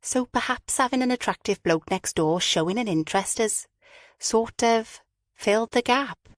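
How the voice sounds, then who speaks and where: A woman's voice: fairly high pitch, normal speed, no room sound, studio quality, voice pushed up, close to an everyday voice. A woman voicing a frank, chatty friend. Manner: frank, teasing, talkative.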